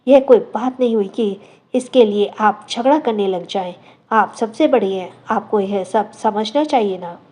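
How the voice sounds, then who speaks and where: A woman's voice: mid-range voice, measured pace, warm tone, natural voice. A woman voicing an earnest, caring mother. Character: caring mother, worried about family rifts.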